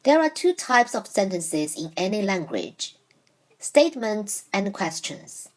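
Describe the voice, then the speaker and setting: A woman whose first language is Chinese teaches a scripted Mandarin lesson, enunciating clearly in a measured way and slowing for example sentences. Her medium-pitched voice has a sing-song quality, though the recording is low quality.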